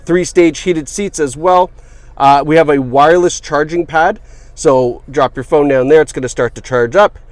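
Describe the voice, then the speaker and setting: A man's voice: fairly high pitch, normal speed, no echo. Upbeat chatty man. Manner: upbeat, chatty, many fillers. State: has the hiccups. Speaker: car salesperson. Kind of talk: casual car walkaround video. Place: inside a car.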